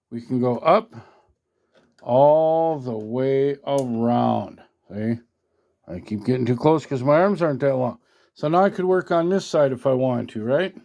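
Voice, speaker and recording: A man with a slightly high, darkish voice shows off a product hands-on in a casual way. This radio hobbyist and reviewer is folksy, colloquial and a little salty, captured on a handheld phone at his indoor workbench.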